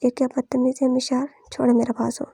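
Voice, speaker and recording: Woman reading angry young girl, mouthy and defiant, husky and gravelly. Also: high-pitched, little pitch movement, brisk, mellow, no echo, studio quality, heavily acted. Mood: furious. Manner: scolding, defiant.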